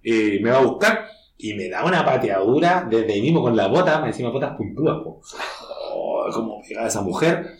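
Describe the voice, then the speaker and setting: Chilean man, mid-pitch, casual slangy storyteller, echoey room. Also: lively intonation, brisk. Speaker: guest, horror writer. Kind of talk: casual podcast conversation.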